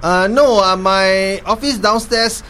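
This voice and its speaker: A man acts out an evasive drunk Singaporean driver in a comedy sketch. He mumbles through a closed mouth in a high-pitched voice, with faint noise behind him. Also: slow, pushed and bright, full character voice. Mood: nervous, evasive. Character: evasive drunk male driver bluffing a policeman. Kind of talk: comedy podcast sketch acting.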